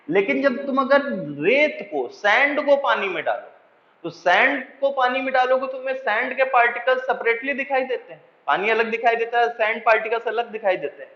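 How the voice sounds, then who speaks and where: High-voiced man teaching in an echoey room. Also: a bit bright, muffled recording. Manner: keeps checking understanding with repeated questions; mixes in English phrases, slows to dictate definitions. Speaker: chemistry teacher. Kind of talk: classroom lecture.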